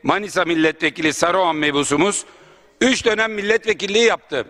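Man, member of parliament, podium microphone, indignant floor speech, high-pitched, long hall echo. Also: quick pace, pushed and bright. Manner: indignant, rhetorical, listing points. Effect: speaking at a podium microphone. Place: large parliament chamber. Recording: long reverb of a large hall.

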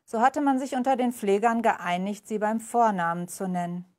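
A woman author reading from her crime novel at a live book reading, measured and clear. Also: medium pitch, steady tone, a little mellow.

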